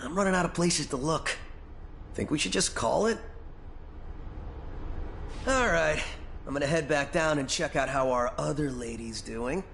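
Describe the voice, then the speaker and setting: A man's voice: on the high side, a little slow, creaky, long pauses, a bit bright, slight background noise. A young American man voicing a brash, grumbling, slangy student in a video game. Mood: grumbling, uneasy.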